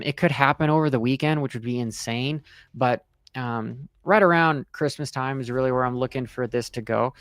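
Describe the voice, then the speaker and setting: A crypto trading streamer gives casual livestream commentary, emphatic and repetitive with frequent check-ins, while half his face is numb from the dentist. His voice is medium-pitched, with no room sound.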